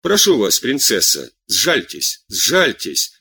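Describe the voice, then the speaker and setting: Man doing a scared young countess, pleading, lively pitch, dry close sound. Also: slow pace, husky, dry recording, exaggerated voice. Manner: pleading, quiet.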